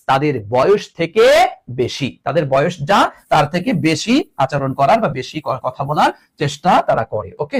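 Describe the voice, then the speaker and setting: A young man teaching an online class, explaining line by line, mixing English words into his talk and often asking students questions. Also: a little high. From Bangladesh.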